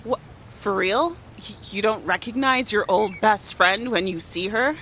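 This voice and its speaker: A woman's voice: mid-range voice, measured pace, a bit bright, slight background noise, lightly acted. An actress playing a wry, busy small-town mother in her forties in a video game, with a curt, sarcastic way of talking.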